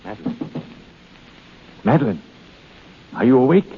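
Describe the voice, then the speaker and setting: Casting: man playing brisk, urgent con man; lively 1930s radio delivery, thin phone-like sound with faint noise. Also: mid-range voice, natural voice. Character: brisk, urgent male swindler, smooth schemer. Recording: tinny, noisy 1930s radio recording.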